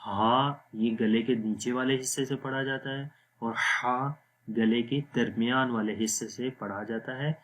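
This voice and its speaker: A man teaching Quran recitation, explaining each letter and then reciting slowly and drawn out. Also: medium pitch, steady tone, a bit bright. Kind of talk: slow recitation lesson.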